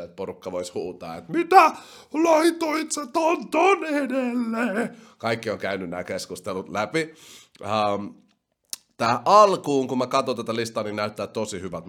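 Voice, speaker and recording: A young man with a somewhat low voice talks casually as a podcast host. He reads listener comments out loud and reacts to them. His delivery is animated, with sudden loud bursts. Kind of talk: casual chat.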